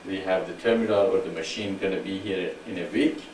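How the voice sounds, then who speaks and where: A man hosting an online spiritual gathering in casual talk, speaking slowly and deliberately and repeating himself so listeners can follow. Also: low voice, darkish tone. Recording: echoey room, far from mic, faint hiss.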